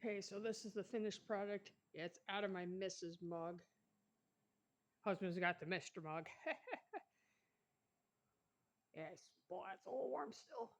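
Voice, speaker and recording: A woman's voice: medium pitch, normal speed, rough recording. A woman chatting casually through a cooking vlog in her home kitchen, rambling and laughing often between remarks. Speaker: vlogger.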